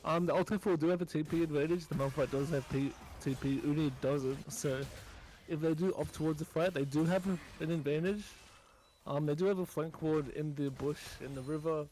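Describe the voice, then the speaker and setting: A man calling esports play-by-play from his own room, rapid and rising in pitch during fights. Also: darkish tone, a little hiss or hum, low-quality recording. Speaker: play-by-play caster.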